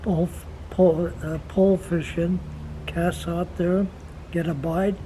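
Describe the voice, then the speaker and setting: Very old man, slow and halting. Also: on the high side, level tone, dark tone, a little hiss or hum, poor audio. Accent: American. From Montana, United States. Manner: halting, slow, repeats words while searching for them. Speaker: grandfather being interviewed. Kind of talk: reminiscing, casual conversation. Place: outdoors in the sun.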